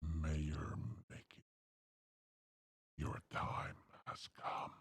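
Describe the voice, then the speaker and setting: Metallic robotic villain, very deep. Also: male voice, monotone, fairly bright tone, slightly rough, no room sound, studio quality, full character voice. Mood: menacing. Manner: slow, creepy, threatening. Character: menacing male villain threatening a mayor. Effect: deep robotic voice changer with a megaphone filter. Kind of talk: voice changer test on a game stream.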